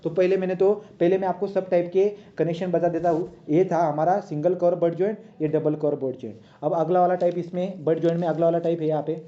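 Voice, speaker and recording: Man teaching while drawing, dark lo-fi sound. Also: fairly high pitch, steady tone, brisk, hardly any pauses. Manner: talks while drawing, many checks like "right?". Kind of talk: drawing lesson. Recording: dull lo-fi sound.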